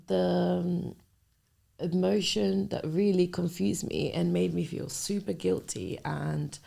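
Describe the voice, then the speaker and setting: Low gravelly-voiced woman in her twenties. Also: warm tone. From Nigerian family. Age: 20s. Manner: candid, hesitant, trails off and restarts. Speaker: podcast host. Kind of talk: personal storytelling, casual confessional.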